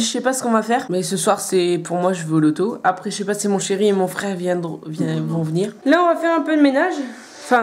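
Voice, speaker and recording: A young woman chatting casually and hesitantly to her handheld camera at home, rambling as a vlogger. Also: on the high side. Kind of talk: casual vlog chat. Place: at home indoors.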